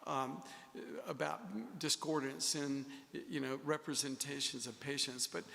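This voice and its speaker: A male public health official speaking in a measured, hesitant way at a formal meeting. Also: medium pitch, steady tone, gravelly, sharp tone, in a large hall. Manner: measured, hesitant, many fillers.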